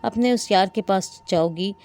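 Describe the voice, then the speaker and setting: A woman's voice: medium pitch, lightly acted. A woman reading a furious jealous husband. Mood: accusing. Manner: shouting accusations. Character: angry jealous husband, adult man.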